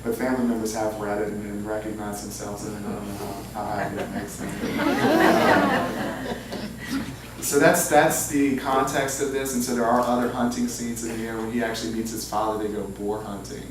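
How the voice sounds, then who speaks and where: A low-voiced man from Louisiana, United States, talks informally about his writing life at a book reading, telling self-deprecating anecdotes at normal speed. It's a public talk with audience questions in an indoor humanities center event room. He's far from the mic, so the recording is very echoey, distant and clearly noisy.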